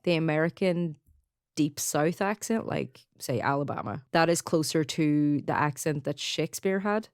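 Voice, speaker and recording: A woman's voice: deep voice, moderate pace, darkish tone, clean tone, no echo, studio quality. A woman with a Donegal Irish accent co-hosting a podcast, chatting casually, laughing often and leaning on "like" as a filler. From Donegal, Ireland. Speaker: podcast co-host. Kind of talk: casual chat.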